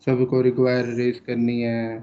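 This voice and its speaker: Flat-voiced male student, muffled. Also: mid-range voice, unhurried. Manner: lists points in short fragments. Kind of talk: answering in class.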